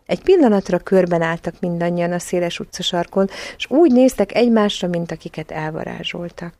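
Low, gravelly woman narrating an audiobook. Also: dark tone, dry recording.

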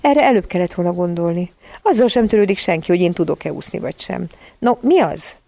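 Woman playing a sarcastic little seal, grumbling, gravelly, storybook voice. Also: on the low side, expressive, no room sound. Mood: bitter. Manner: mocking, sharp-tongued. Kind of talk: audiobook character voice.

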